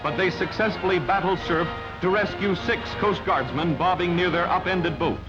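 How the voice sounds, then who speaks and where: Over music on a dull old newsreel soundtrack, a man reads scripted narration in a clipped, dramatic, telegraphic style. His voice sits high and moves at a normal speed.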